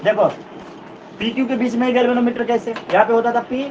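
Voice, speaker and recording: A man's voice: very high voice, steady tone, a little fast, a little mellow. A man teaching physics. He explains step by step, repeats key points and checks that his students follow. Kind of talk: classroom lecture. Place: classroom. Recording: distant, dull, noisy classroom recording.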